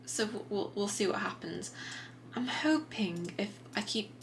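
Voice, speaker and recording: A woman's voice: medium pitch, a little slow, creaky, a little hiss or hum. Chatty woman vlogging at home. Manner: relaxed, chatty, many fillers and restarts. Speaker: writing vlogger. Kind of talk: casual vlog narration. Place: home desk.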